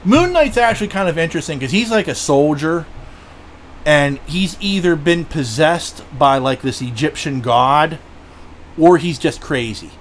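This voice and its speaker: A fairly high-voiced man hosting a podcast, rambling in an excitable way and swearing freely. He piles on "like" and "you know" as he talks, with faint ambient hiss underneath. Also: measured pace. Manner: excitable, profane fan talk with many fillers. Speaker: podcast host. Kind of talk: casual chat.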